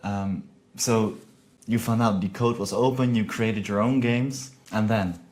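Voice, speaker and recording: A man's voice: fairly low pitch, fairly even intonation, measured pace, a little mellow. A man hosting a podcast, introducing and questioning his guest in a casual, encouraging way with frequent "yeah" agreements. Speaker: podcast host. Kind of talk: conversational interview.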